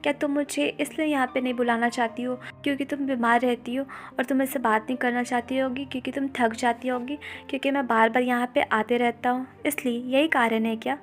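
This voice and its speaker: A woman's voice: sits high, flat delivery, fairly quick, hardly any pauses, soft background music, natural voice. A woman voicing a devoted young noble boy who pleads and frets in a story recap. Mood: hurt. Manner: pleading, upset.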